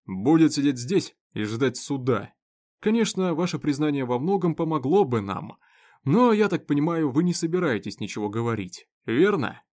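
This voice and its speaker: A man's voice: a little high, expressive, moderate pace, darkish tone. A man playing a stern, growling sheriff. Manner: commanding, growling. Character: stern, hot-tempered male small-town sheriff.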